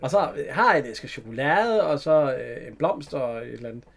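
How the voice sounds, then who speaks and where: A man's voice: medium pitch, very animated, vocal fry, crowd noise. A man co-hosting a casual chat, retelling an old film, hesitant and laughing often. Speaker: podcast co-host.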